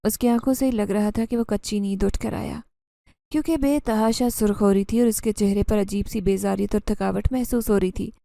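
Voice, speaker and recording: A woman narrating a first-person horror story in a steady, scripted storytelling manner. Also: mid-range voice, creaky, no echo.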